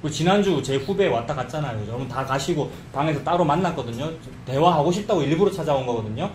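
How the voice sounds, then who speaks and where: Animated male pastor in echoey church. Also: on the high side, fast talker, slight background noise. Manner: conversational preaching, acts out quoted voices. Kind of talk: sermon. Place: church sanctuary.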